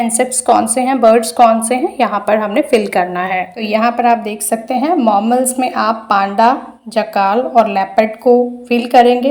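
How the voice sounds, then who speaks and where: A woman's voice: a little high, darkish tone. A woman teacher, explaining homework answers step by step and mixing into her Hindi. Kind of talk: homework walkthrough.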